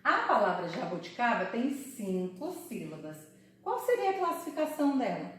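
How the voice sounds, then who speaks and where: Woman teacher with a lively voice. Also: on the high side, very echoey, distant mic, a little hiss or hum. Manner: slow, syllable-by-syllable explaining. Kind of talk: online Portuguese lesson for children.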